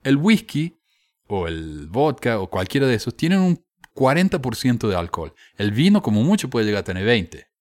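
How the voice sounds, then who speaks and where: A man's voice: mid-range voice, sing-song, normal speed, darkish tone, dry recording, clean studio sound. A man giving casual, frank commentary with a sardonic edge, hesitating and restarting as he talks. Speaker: commentator on religious texts.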